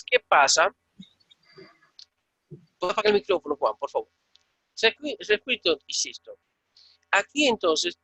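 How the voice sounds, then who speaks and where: A man with a Dominican Spanish accent teaching Biblical Greek in an online class, slowly drilling and repeating each word. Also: high voice, creaky, sharp tone, dry recording. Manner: slow, repetitive drilling of words.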